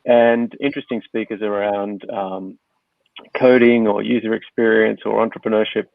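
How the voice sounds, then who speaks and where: A man hosting a podcast over a video call, speaking in a relaxed, rambling way with lots of fillers. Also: on the low side, normal speed, vocal fry, no echo. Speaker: podcast host. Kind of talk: casual conversational interview. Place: home in Hong Kong. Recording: dry, tinny phone-like line.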